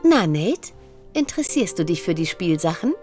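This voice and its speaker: A woman's voice: fairly low pitch, big pitch swings, moderate pace, over music. A woman voicing a kind, polite, earnest young elf princess in a video game. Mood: friendly. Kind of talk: video game character dialogue.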